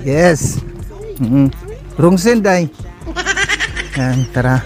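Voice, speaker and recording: A man's voice: mid-range voice, animated, drawn-out words. A man hosting a charity vlog, chatting casually and coaxing people with frequent laughs, outdoors at a house on a rainy day. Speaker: charity vlogger host. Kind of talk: casual on-location vlog talk. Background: background music.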